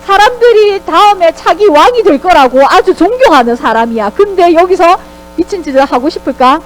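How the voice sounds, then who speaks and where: A woman Sunday school teacher giving a children's sermon in a lively way, often asking the kids questions. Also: very high-pitched, a little fast, slight background noise, rough recording.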